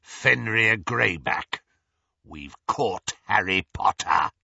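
A man voicing a rasping, brutish male werewolf leader in an audiobook. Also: fairly low pitch, expressive, takes it slowly, pushed and bright, dry recording, lo-fi sound, exaggerated voice. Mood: gruff.

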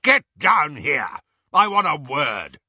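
A man's voice: huge pitch swings, a little slow, husky, dry recording, dull audio, full character voice. A man doing Uncle Vernon, a bellowing, furious uncle. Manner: shouting, shrill when enraged. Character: blustering, furious middle-aged uncle, bellowing and paranoid.

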